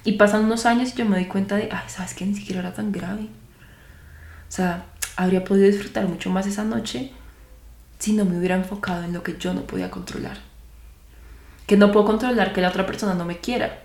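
A woman's voice: mid-range voice, steady tone, quick pace, darkish tone, echoey room. A young woman hosting a podcast, talking earnestly to her listeners and asking them rhetorical questions. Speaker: podcast host. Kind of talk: reflective podcast monologue.

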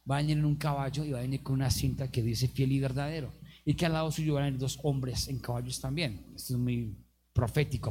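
A man preaching an energetic sermon, acting out quotes and calling on the congregation to respond. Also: a little high, a little hiss or hum. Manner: animated preaching with acted-out quotes and calls to the congregation. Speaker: youth pastor.

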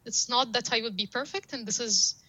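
As a guest being interviewed, a data science professional whose native language is Arabic earnestly walks through her work using frequent analogies. Her fairly high voice is brisk, bright, and forceful, with no room sound.

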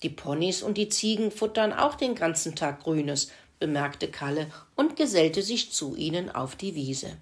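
A woman reading a children's farmyard story aloud in a gentle, expressive way. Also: low voice, measured pace, hardly any pauses.

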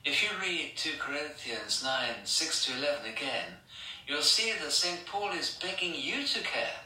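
A man with an English accent, a priest giving a sermon in measured, repeating rhetorical questions. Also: a little high, lively intonation, pushed and bright. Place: church. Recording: echoey church from far off.

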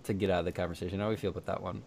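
A man's voice: fairly even intonation, rapid-fire, creaky, darkish tone. A man co-hosting a podcast in casual chat, joking around and repeating his punchlines. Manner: jokey, repeats phrases, laughs often. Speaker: podcast co-host. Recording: faint background noise and rumble.

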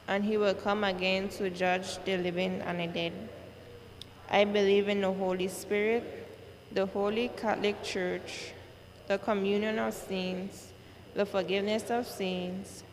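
Slow gravelly woman in cathedral echo. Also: mid-range voice. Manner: slow, measured recitation. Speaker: worship leader. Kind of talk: reciting church liturgy. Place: large church. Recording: long church reverb, faint noise.

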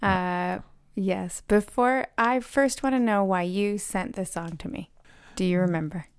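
A woman's voice: medium pitch, a little slow, clean tone, no echo. A woman co-hosting a podcast, chatting casually about songs in a playful, giggly and reflective way. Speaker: podcast co-host. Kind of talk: casual music chat.

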